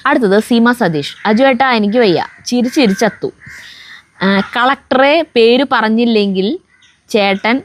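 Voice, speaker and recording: A woman's voice: on the high side, unhurried, a little hiss or hum. A woman reading viewer comments aloud in a casual family vlog, laughing between them.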